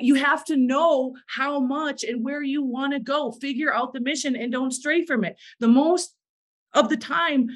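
A woman's voice: high-pitched, a bit bright. A woman giving a motivational talk to a sales team, emphatic and repeating phrases for effect, with a bit of morning voice. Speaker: direct sales team leader.

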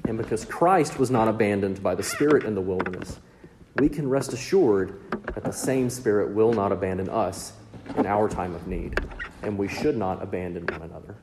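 A man with a Mississippi drawl preaching a sermon as a pastor, phrasing deliberately and with emphasis. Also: lowish voice, background noise. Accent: Mississippi drawl, Southern US. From Mississippi, United States. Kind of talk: expository sermon with scripture readings.

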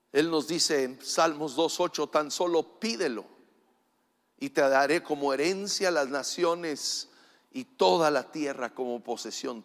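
A man's voice: sits high, a bit bright, big-room sound. A male pastor preaching an emphatic sermon in a church, asking the congregation rhetorical questions and acting out quotes.

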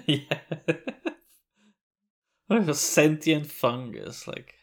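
A man's voice: on the high side, animated, extremely slow. A man co-hosting a podcast in casual chat, laughing often and swearing casually. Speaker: podcast co-host.

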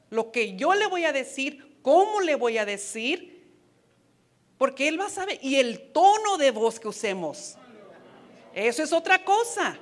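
A woman preaching a sermon to wives, earnest and advising, with playful asides. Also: sits high. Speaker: women's ministry speaker.

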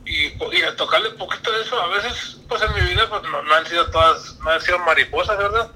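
A man's voice: high-pitched, fast talker, sharp tone, slight background noise, poor audio. A man, a guest on a casual podcast, musing reflectively about life with frequent restarts. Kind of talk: casual chat.

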